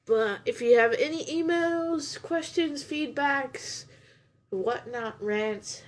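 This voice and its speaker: With a high voice and slow delivery, this young woman chats casually on her podcast reviewing anime. She has a runny nose, sniffles as she talks, and rambles with many restarts.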